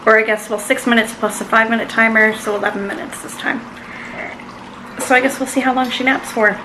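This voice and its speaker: A woman's voice: fairly high pitch, steady tone, brisk. Young mother vlogging with background noise. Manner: matter-of-fact, counts minutes and times. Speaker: vlogger parent. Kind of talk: casual vlog narration. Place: home.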